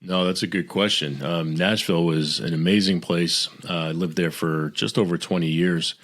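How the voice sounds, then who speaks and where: Middle-aged guy from boston, really low voice, easygoing friendly storytelling as a guest. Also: steady tone, moderate pace, fairly bright tone. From Boston area, US. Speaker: podcast guest. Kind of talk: casual interview chat.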